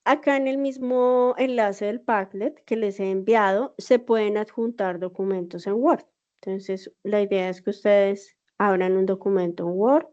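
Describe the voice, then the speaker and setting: Speaking a little slowly in a mid-range, slightly mellow voice with fairly even intonation, a Colombian teacher explains an assignment one step at a time during a virtual class. She has a Bogotá accent and patiently checks that her students keep up, over dull, low-fidelity call audio.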